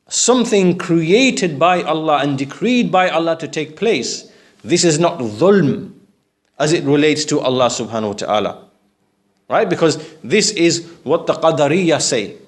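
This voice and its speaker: Teaching through a religious lecture meant to explain, a man speaks didactically in a fairly high voice. He keeps checking with questions that his audience is following.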